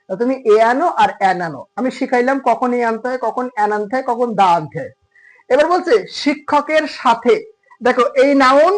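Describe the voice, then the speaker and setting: A man teaching English grammar in Bengali, explaining patiently and asking his students rhetorical questions. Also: very high voice. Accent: Khulna Bengali. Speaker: English tutor. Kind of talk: classroom grammar lesson. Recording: tinny phone-like audio.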